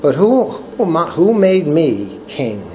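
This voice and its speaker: An older man leading a recovery study group reads from the book and shares his personal testimony in a casual, halting, earnest way, restarting often. His voice is a little high and slightly mellow, and he sounds very animated, with slight background noise.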